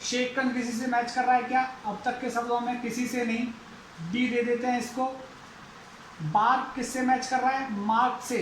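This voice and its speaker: A man's voice: extremely high pitch, reverberant, slight background noise, low-quality recording. A man teaching an English lesson, going through it methodically and repeating each step aloud. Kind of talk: explaining a lesson.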